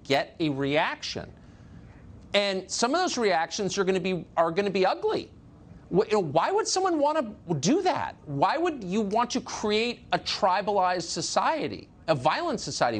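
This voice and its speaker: A man hosting a political commentary show, speaking emphatically and building to indignant questions. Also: high voice. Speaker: host.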